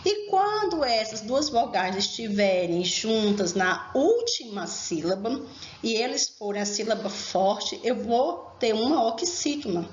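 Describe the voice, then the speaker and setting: A woman teacher giving a recorded grammar lesson, explaining slowly and emphatically and speaking directly to her students. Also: on the high side, sing-song, a little hiss or hum. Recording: echoey room, dull lo-fi sound.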